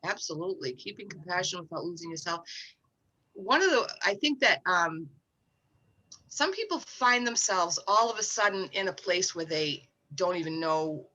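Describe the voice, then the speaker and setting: Woman, 60s, co-host. Bright, slightly low voice. Frank, reflective, spiritual phrasing. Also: expressive, normal speed, muffled recording. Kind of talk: casual chat.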